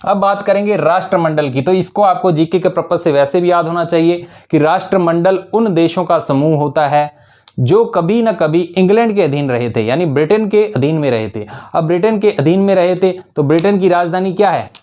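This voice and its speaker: A male teacher with a high, somewhat mellow voice speaks at normal speed during an exam-prep lesson. He uses memory tricks, asks questions only to answer them himself, and emphasizes key words through repetition.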